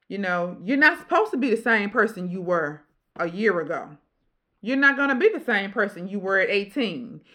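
A deep-voiced woman in her forties hosts a casual podcast chat. She preaches in an emphatic, repetitive way with a sharp tone.

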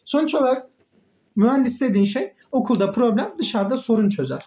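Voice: medium pitch, animated, a little fast, dark tone, reverberant. A young speaker co-hosting a casual podcast chat with friends, making dry, joking asides. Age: young adult. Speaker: podcast co-host, engineering student.

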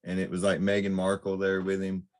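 A man's voice: low voice, monotone, brisk, a little mellow, no room sound. A man co-hosting a podcast, chatting in a laid-back, laughing way. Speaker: podcast co-host. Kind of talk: casual chat.

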